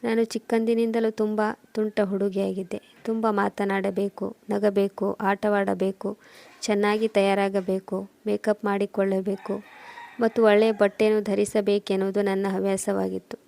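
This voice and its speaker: A woman reading a scripted first-person emotional story in a steady, measured way. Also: mid-range voice, creaky, no room sound. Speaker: narrator.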